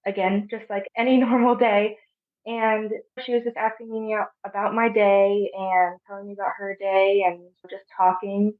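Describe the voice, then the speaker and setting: A young woman in her twenties from Arizona, telling a personal story softly, with halting pauses. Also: mid-range voice, little pitch movement. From Arizona, USA. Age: 20s. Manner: soft, halting, with frequent pauses. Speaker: podcast guest. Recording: phone-like narrow sound.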